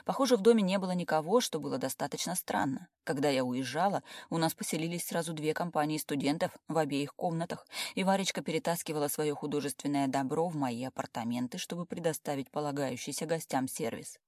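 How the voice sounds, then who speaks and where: A woman narrating a first-person audiobook with lively, wry storytelling. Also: deep voice, fast, hardly any pauses, dry recording, clean studio sound.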